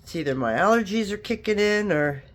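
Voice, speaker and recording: Here the craft vlogger talks briskly with lively intonation at a middling pitch, sounding congested from allergies or a cold. The hands-on tutorial is casual and chatty, drifting often into asides.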